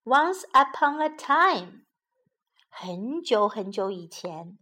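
A woman teacher narrating a children's story in a slow, gentle storytelling manner. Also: a little high, very animated.

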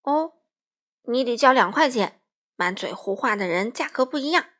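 A woman's voice: on the high side, lively intonation, normal speed, a bit bright. Woman voicing a smug bullying wolf. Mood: bossy sneering. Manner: sneering, threatening.

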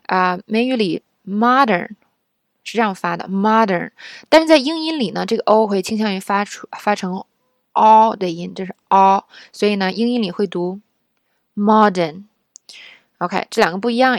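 A woman from China gives a casual spoken lesson on English pronunciation, explaining patiently and often checking in with the listener. Her voice is medium in pitch, and the recording is dry and of studio quality.

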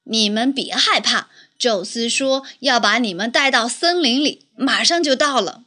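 A woman's voice: fairly high pitch, measured pace, sharp tone. A woman voicing a big, strong, good-natured male rooster in a storybook, speaking earnestly. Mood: gentle.

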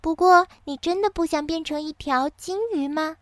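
A woman's voice: sits high, fairly even intonation, moderate pace, dry recording, pitched above the performer's own voice, natural voice. A woman voicing a kind but clumsy female fairy who speaks sweetly and apologetically. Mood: sweet coaxing.

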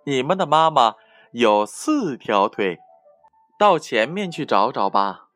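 A man's voice: mid-range voice, very animated, takes it slowly, a bit bright. A man voicing a friendly mother fish who laughs off the mix-up, with faint music behind. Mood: amused.

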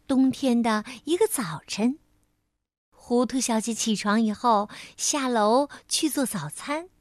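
A woman narrating a children's story gently and expressively, asking the listener questions. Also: a little high, no echo, studio quality.

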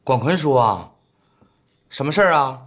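A man's voice: mid-range voice, animated, moderate pace, a bit bright. An actor playing a polite, hesitant young man.

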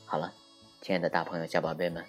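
A young man narrating a bedtime story for children in a gentle, warm storytelling manner, closing the episode as host. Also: low voice, level tone, fast, over music. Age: young adult.

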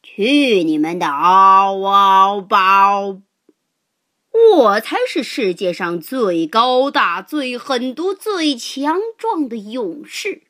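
A woman voicing a huge, bullying male giant in a children's story, roaring slow boasts. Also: mid-range voice, lively intonation, fairly bright tone. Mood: menacing.

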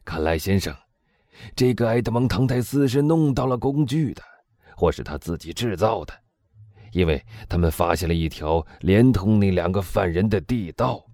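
A man voicing an excitable middle-aged prison inspector, talking loudly and eagerly in an audiobook. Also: lowish voice, normal speed, no echo, studio quality, voice pushed up. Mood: talkative. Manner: loud, eager, exclaiming. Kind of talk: audiobook dialogue reading.

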